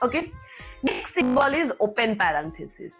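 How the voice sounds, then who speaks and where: High-pitched Bengali-accented woman teaching. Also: big pitch swings, a bit bright, faint music behind. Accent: Indian Bengali. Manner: deliberate, repetitive explaining, switching languages. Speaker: computer science teacher. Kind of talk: step-by-step lecture.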